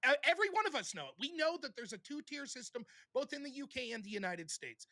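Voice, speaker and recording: A bright, high-pitched male co-host, lively and emphatic as he makes his points. His voice leaps around in pitch and has a sharp, forward edge. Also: quick pace. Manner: animated, emphatic. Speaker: stream co-host. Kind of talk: casual political commentary.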